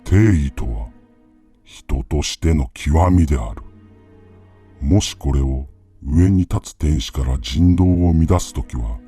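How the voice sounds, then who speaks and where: Man voicing a very deep, hushed vengeful ghost emperor. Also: exaggerated voice. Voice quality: very deep, husky, breathy. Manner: hushed, eerie, slow ghost-story delivery. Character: vengeful ghost of a fallen emperor, proud, menacing. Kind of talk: Japanese ghost story storytelling.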